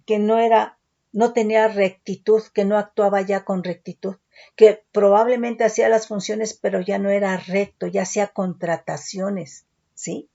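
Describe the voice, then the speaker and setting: Woman teaching a Bible study, mellow. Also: medium pitch, level tone, moderate pace, vocal fry. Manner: explains words step by step, asks "¿sí?" and "¿verdad?" often. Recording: dull lo-fi recording.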